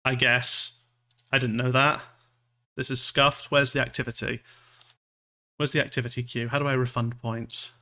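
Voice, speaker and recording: A man's voice: mid-range voice, flat delivery, normal speed, pauses often, sharp tone. A man from Scotland chatting casually as a livestream host, rambling and self-deprecating, with some casual swearing. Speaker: streamer, VTuber.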